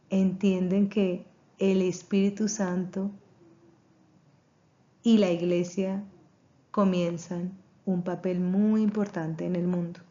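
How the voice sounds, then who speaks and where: In a recorded class introduction, a woman teaches church history at a seminary, speaking earnestly in a preaching tone. Her fairly low, mellow voice comes through a muffled recording.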